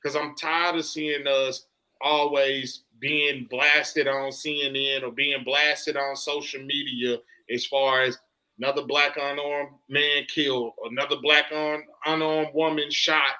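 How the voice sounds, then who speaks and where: A man's voice: on the high side, flat delivery, measured pace, pushed and bright, poor audio. A man hosting a podcast, delivering an impassioned, emphatic soapbox monologue in casual, slangy, profane speech, often repeating himself for emphasis. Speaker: podcast host.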